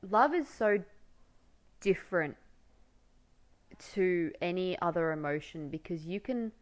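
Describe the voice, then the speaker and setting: A woman's voice: fairly low pitch, expressive, unhurried. A young woman co-hosting a podcast in casual chat, gushing and effusive with frequent fillers. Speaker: podcast co-host.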